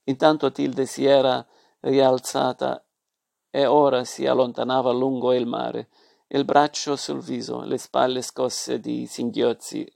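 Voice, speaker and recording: A man reading a story aloud as its narrator, in a measured, expressive way. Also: mid-range voice, vocal fry, no room sound, studio quality.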